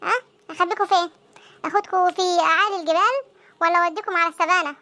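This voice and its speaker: A woman with an Egyptian accent voicing panicky teenage students in a comic cartoon, talking in frantic, squeaky chatter. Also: fairly even intonation, rapid-fire, pushed and bright. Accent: Egyptian Arabic. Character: panicky teenage students dreading exam results.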